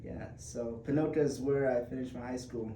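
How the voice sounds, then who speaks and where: A man of twenty-one, originally from Uganda, chats as a podcast guest in an easy, rambling way. He hesitates often and restarts his sentences, and his voice sits at a middle pitch. The room is echoey, with clear noise underneath. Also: fairly even intonation, moderate pace, warm tone. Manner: chatty and hesitant, many fillers and restarts. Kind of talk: casual conversation.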